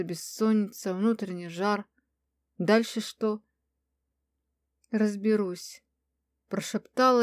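A woman's voice: mid-range voice, no room sound. Woman narrating a novel in a dry, close recording. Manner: even, measured and subdued. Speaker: audiobook narrator. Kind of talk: first-person scripted narration.

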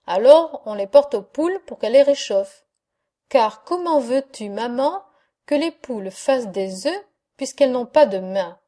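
Curious little chatterbox boy, eager questions , read by a woman; mellow tone. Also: on the high side, lively intonation, moderate pace, natural voice.

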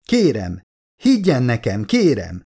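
A man's voice: mid-range voice, very animated, darkish tone. A man reading an audiobook, voicing a desperate female scientist who pleads urgently. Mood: pleading. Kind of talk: audiobook character voice.

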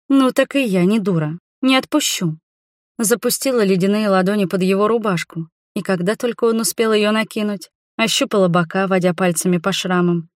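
A woman narrating a novel in the first person with an expressive, emotional reading. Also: medium pitch, dry recording, clean studio sound. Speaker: audiobook narrator.

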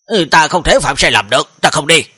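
A man's voice: on the high side, animated, brisk, sharp tone, slightly rough, heavily acted. A man voicing a prim, timid young male scholar-cultivator who stammers and hesitates. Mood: flustered.

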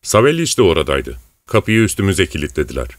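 A man narrating an audiobook in a steady storytelling manner, raising his voice for quoted characters. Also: low voice, quick pace, no room sound. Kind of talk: scripted narration.

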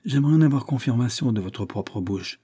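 A man's voice: medium pitch, lively intonation, fairly quick, warm tone, breathy edge. A man voicing a cool, exacting detective who speaks with cold precision in an audiobook reading. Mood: insistent.

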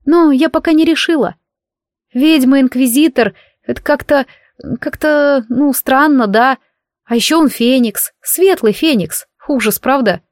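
A woman's voice: high-pitched, measured pace, dry recording, clean studio sound, pitched above the performer's own voice. A woman voicing a dreamy young light witch in an audiobook, gushing and chattery. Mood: musing.

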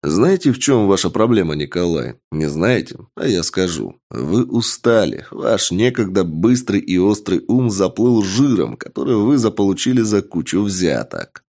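Man voicing a cocky, excitable young suspect. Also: on the low side. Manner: cheeky, rambling, mock-earnest. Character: brazen, excitable young male suspect under questioning. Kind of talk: audiobook character voice.

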